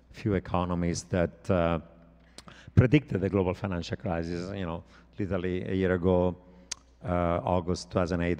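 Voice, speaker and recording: Middle-aged man from Italy, economist on a panel; deep, smooth, even delivery with hesitations, hall reverb. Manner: measured, frequent hesitant fillers. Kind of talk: panel discussion. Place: conference stage.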